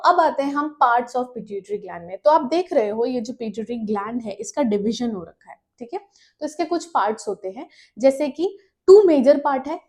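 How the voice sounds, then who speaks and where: A woman teaches a lecture, explaining diagrams step by step. She asks questions and answers them herself, reads English lines slowly and mixes English terms into her talk. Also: high voice, a little mellow.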